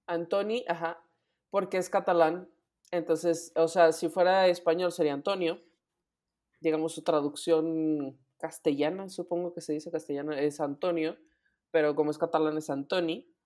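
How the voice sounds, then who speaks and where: A young woman co-hosting a podcast, talking loosely with slang and frequent laughs. Her voice sits a little low for a woman. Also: fairly even intonation, normal speed, warm tone. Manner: laughs often, slangy and teasing. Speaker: podcast co-host. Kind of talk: casual chat.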